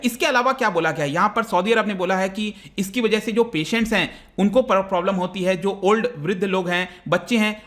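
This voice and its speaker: A man's high, slightly bright voice carries an Indian accent as he lectures on current affairs for an online exam-prep class, breaking topics down step by step in a chatty style that blends in English terms.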